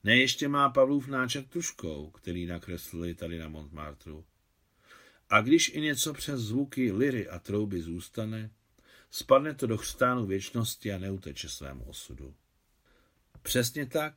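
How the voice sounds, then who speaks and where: Man reading a novel, calm and steady, kinda low voice. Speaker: audiobook reader. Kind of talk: scripted narration of a novel.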